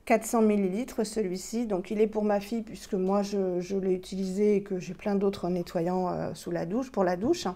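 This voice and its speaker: A woman's voice: medium pitch, steady tone, moderate pace, few pauses, warm tone. A middle-aged woman, slightly out of breath, chatting casually as she shows skincare products on a home vlog. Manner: chatty, many fillers and restarts, demonstrating products. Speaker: beauty vlogger. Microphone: plugged-in microphone.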